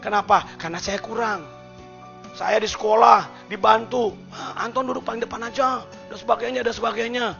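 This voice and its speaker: A man pastor preaching a sermon in a church, moving between loud calls to the congregation and soft, hushed passages. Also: high voice, fairly even intonation, moderate pace, creaky, dull audio, faint music behind.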